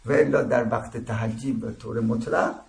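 Steady in tone, creaky, and a little mellow, this mid-range male voice explains a religious seminary lesson one step at a time. He frequently asks "درست شد؟" to confirm students follow, in an echoey room with faint ambient noise.

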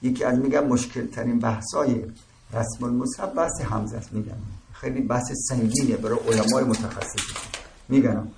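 A man with a mid-range voice and vocal fry teaches a seminary class, explaining each step and regularly checking comprehension with "درست شد؟". The lecture is religious, recorded in an echoey room with faint ambient noise.

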